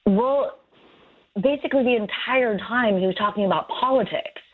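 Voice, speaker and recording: A woman's voice: a little high, moderate pace. A woman on speakerphone, called into a radio show, talking in a hesitant, rambling way with many fillers. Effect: heard over speakerphone on a phone line. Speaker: radio show call guest. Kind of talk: casual phone chat. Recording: tinny phone line.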